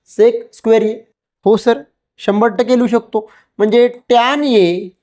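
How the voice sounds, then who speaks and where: A woman teaches maths. She goes slowly, step by step, as if explaining to a child. She is patient and reassuring, using pet names and stopping often to ask whether it is understood. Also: fairly high pitch, a little mellow.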